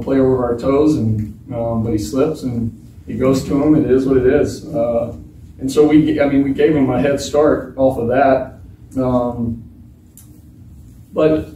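A man in his thirties speaks at a post-game press conference, frank and halting, often restarting his sentences. His voice is mellow and dark. He sits at a table mic in a bare, echoey room, heard from some distance with faint room noise. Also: mid-range voice. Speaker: football quarterback. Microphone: table mic, filmed from across the room.

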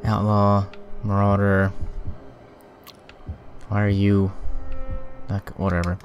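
A man's voice: lowish voice, completely flat delivery, slow, dull audio, faint music behind. A man giving casual commentary while playing a video game, muttering and swearing in frustration. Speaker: let's play gamer.

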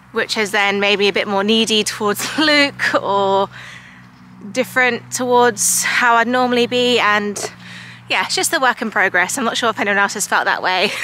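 A woman in her thirties chats to camera in a bright, clear voice. She talks frankly and rambles a little, with plenty of likes and ums between her thoughts. She speaks at a middle pitch for a woman. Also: slight background noise. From United Kingdom. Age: 30s. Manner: frank, confiding. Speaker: vlogger. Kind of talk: casual chat to camera.

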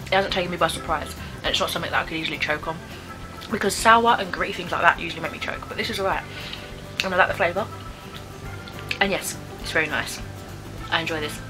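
A woman's voice: fairly low pitch, low-quality recording. A British woman in her twenties giving casual, chatty taste-test commentary, thinking aloud with some hesitation. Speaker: vlogger reviewing snacks. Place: small bedroom, indoors.

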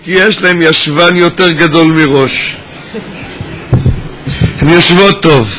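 High bright-voiced teasing man. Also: rough recording. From Israel. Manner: teasing, joking, calls out to individuals in the crowd. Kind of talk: lively gathering talk to students. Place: large synagogue hall at a gathering.

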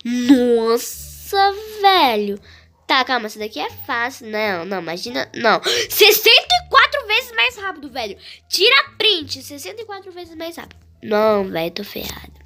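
Brazilian gaming YouTuber, female, high and animated, slangy running commentary. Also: normal speed. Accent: Brazilian Portuguese. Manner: chatty, excitable, full of slang. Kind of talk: casual gameplay commentary.

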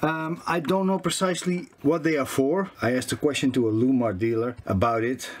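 A man in his fifties with a Dutch accent casually explains DIY repairs in halting non-native English, searching for words as if translating in his head. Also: medium pitch, steady tone, slight background noise. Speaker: sailing vlogger. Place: small boat cabin interior.

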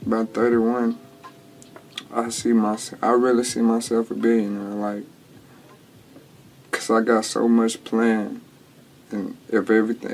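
With slight background noise and a music bed under the talk, a twenty-year-old rapper drawls laid-back answers to interview questions in a small home studio. His voice is lowish with vocal fry, and he uses lots of slang and restarts.

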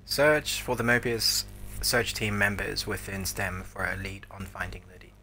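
A man's voice: low voice, unhurried, bright, forceful tone, a little hiss or hum. A man in his thirties giving casual gameplay commentary, reacting in wry mutters as a streamer. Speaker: game streamer. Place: small room, indoors. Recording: faint game ambience behind voice.

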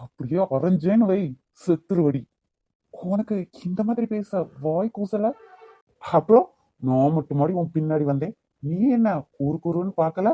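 A man's voice: on the high side, animated, dark tone, dry recording. A man voicing a hot-tempered young man in a cartoon love story, pleading with the woman he loves, with a Kanyakumari Tamil accent. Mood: angry. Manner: pleading, quick to anger. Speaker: voice actor.

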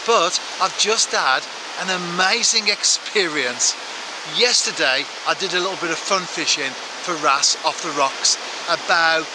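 Chatty man vlogging by loud surf. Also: fairly high pitch. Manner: chatty, rhetorical asides to the viewer. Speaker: angling vlogger. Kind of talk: casual to-camera vlog. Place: outdoors on a beach and sea rocks. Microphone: handheld camera close to face. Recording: outdoor recording with loud surf noise. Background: surf and waves.

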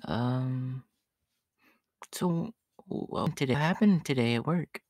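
A man voicing a shy, gentle young catboy in a soft, hesitant ASMR role-play for an audio story. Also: medium pitch, slow pace, no echo, studio quality. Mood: shy, caring. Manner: hesitant, bashful, soft-spoken with nervous giggles.

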